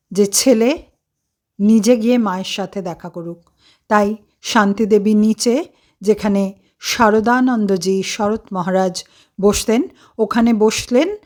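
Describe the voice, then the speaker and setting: A woman's voice: medium pitch, darkish tone. A woman storyteller narrating a devotional story in an earnest, emphatic way.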